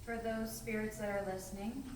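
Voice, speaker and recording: A woman in her twenties, a ghost-hunt team member, calmly asking questions of spirits inside a large old building. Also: mid-range voice, a little fast. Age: 20s. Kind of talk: calling out to spirits. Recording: echoey room, distant mic, steady noise.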